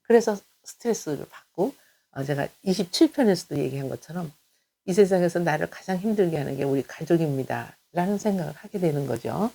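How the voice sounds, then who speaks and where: A middle-aged woman counseling professor giving a calm, explanatory talk, acting out the things people say to each other. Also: on the low side, fairly quick, creaky. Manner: calm explanatory tone, acts out quoted remarks; frequent fillers. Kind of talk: lecture-style talk on counseling.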